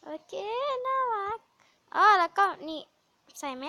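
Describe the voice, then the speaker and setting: A school-age girl talks through a game in a very high, bright voice. Her tone is chatty and playful, with the odd swear word thrown in. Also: very animated, measured pace. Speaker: vlogger. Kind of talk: casual game commentary.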